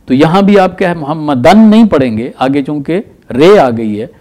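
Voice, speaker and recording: A man teaches a tajweed lesson, explaining patiently and reciting examples slowly with stress. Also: a little high, animated, dark tone.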